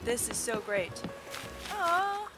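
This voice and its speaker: A chatty female streamer talks in an unhurried way, her pitch bouncing high and low as she goes. She giggles often and fills her talk with "like". Loud music plays behind her the whole time. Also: sing-song. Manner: chatty and bubbly, many "like" fillers; giggles often between sentences. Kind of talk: casual gameplay chat. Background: loud background music.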